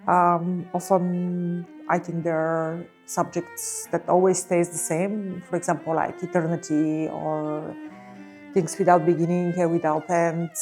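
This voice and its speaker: Hesitant Bulgarian-born woman, lowish voice. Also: darkish tone. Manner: hesitant, many pauses and fillers. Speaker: visual artist. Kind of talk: reflective interview talk.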